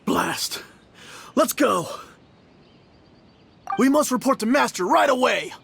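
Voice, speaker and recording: An actor playing a gruff hired thug in a video game, speaking in a blustering, strained way. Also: male voice, very high voice, animated, slow pace, a bit bright, a little hiss or hum, heavily acted. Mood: frustrated. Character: gruff hired male thug, loyal to his master.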